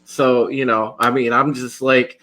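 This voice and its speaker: Bright-voiced swearing guy. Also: mid-range voice, little pitch movement, unhurried. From United States. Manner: swears freely, drawls with fillers. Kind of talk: casual chat.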